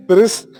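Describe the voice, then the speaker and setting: A man hosting a casual storytelling vlog, talking in an animated way with frequent exclamations. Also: high voice. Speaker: channel host.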